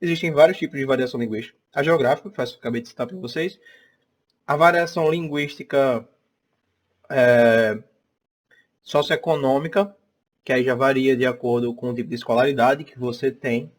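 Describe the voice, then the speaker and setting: A man's voice: mid-range voice, normal speed. A young man with a Northeastern Brazilian accent teaching an online class. He keeps checking in with "tá?" and "né?" as he talks. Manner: chatty, checks in often with "tá?" and "né?".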